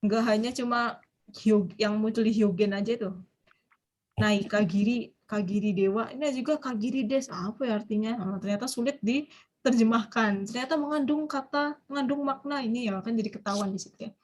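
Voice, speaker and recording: A young woman lecturing an online language class, chatty and animated, dropping foreign phrases into her explanations and quizzing her students. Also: fairly high pitch, moderate pace.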